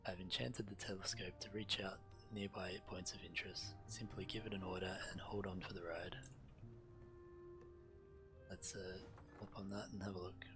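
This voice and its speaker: A man with a deep voice and level tone streams a video game, reading quest text aloud at normal speed and adding casual commentary. Game music plays in the background.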